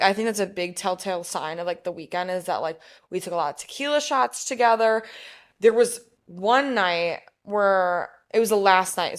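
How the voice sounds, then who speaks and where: A woman co-host rambles through a story in loose, casual chat. Her voice sits a little low, and she leans hard on "like" and drops swear words freely. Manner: rambling, swears often, lots of "like". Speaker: podcast co-host.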